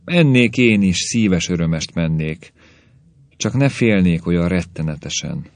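A man voicing a frail, frightened man risen from the dead, speaking in a trembling, halting, pleading way. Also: low voice, lively intonation, dry recording. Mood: fearful pleading.

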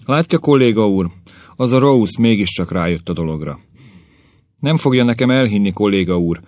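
Man reading as an eager old newspaperman, rattling off cliches, deep voice, dry sound. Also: animated, a little mellow, dry recording, lightly acted. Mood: proud. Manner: eager, rattles off stock phrases. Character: eager veteran male newspaper editor.

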